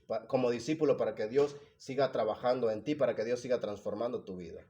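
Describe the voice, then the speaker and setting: A man preaching a sermon, swinging from hushed, emotional passages to loud, rising appeals. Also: medium pitch, fast talker, highs cut off.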